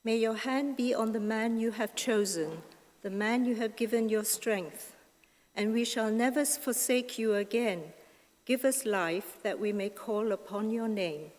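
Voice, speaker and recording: Woman, Mass reader, very slow and measured, long cathedral echo, large church. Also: fairly high pitch, darkish tone. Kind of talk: liturgical reading and psalm responses. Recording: echoey church from far off.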